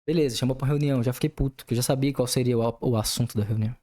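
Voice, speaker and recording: A man's voice: mid-range voice, fairly even intonation, rapid-fire, warm tone. A young man hosting a casual podcast, venting angrily about his job and swearing often. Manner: angry venting, heavy swearing. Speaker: podcast host.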